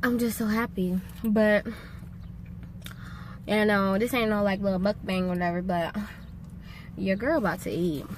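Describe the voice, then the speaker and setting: A woman's voice: mid-range voice, steady tone, normal speed, pauses often. An American woman chats casually and slangily to viewers while eating, often with her mouth full. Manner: folksy, slangy, addressing viewers directly. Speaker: vlogger. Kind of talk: casual eating-show chat. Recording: clearly noisy ambient background.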